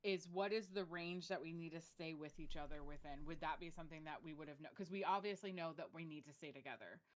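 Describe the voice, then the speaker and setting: Female player, deep for a woman, chatty and questioning. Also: fast. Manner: questioning, lots of "like". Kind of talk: casual chat during a tabletop game.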